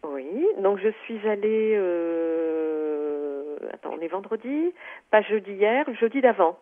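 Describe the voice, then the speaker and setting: A woman's voice: mid-range voice, lively intonation, takes it slowly. Hesitant woman caller on a phone line. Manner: hesitant, many fillers and restarts. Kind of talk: phone-in personal account.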